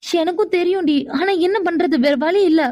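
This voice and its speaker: A woman voicing a calm young woman in a cartoon who soothes her angry friend, coaxing in tone. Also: extremely high pitch, moderate pace, no echo, studio quality. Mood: soothing. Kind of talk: cartoon voice acting.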